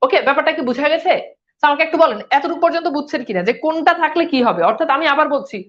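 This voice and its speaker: A woman teaches a live online class in a high, quick voice. She asks her students questions, answers them herself, and goes over the key points again. The sound is dull and lo-fi.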